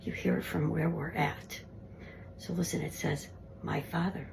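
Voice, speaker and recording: A woman's voice: low-pitched, level tone, normal speed, creaky, noisy background. A woman paranormal investigator narrating her ghost recordings in a conversational, earnest way. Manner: conversational, earnest, explaining clips.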